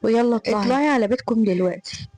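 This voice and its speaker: A woman's voice: fairly high pitch, very fast, a little mellow, close to an everyday voice, low-quality recording. A woman reading the part of a cruel, scornful young male tutor in an Egyptian Arabic accent, harsh and threatening.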